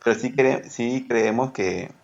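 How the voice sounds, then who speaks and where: A man's voice: mid-range voice, a little slow, creaky, highs cut off. A man from Peru, a podcast guest who rambles, corrects himself and laughs easily. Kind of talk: casual podcast interview.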